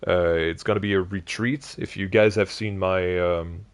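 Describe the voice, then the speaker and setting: Man, very low voice, casual live-stream chat, sleepy, rambling with fillers. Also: steady tone, normal speed, clear, resonant tone. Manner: rambling, many restarts and fillers, chatting with viewers. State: sleepy, yawning.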